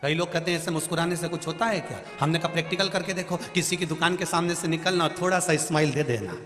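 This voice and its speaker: Animated man preaching over music in a hall. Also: quick pace. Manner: storytelling, acting out quoted voices with wide pitch swings.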